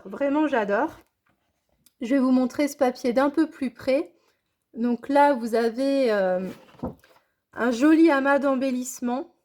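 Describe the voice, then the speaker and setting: A high-voiced woman talks through her unboxing in a relaxed, chatty way. She gushes with enthusiasm and keeps coming back to the same words of praise. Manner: enthusiastic, gushing, repeats praise. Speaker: scrapbooking vlogger. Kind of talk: casual unboxing chat.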